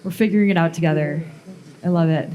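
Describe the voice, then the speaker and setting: A blacksmith with a deep, dark voice gives a live metalworking demonstration, talking fast and casually in a rambling way full of "um" and "like." She speaks in a demo space before a live audience, and the echoey room carries crowd sounds.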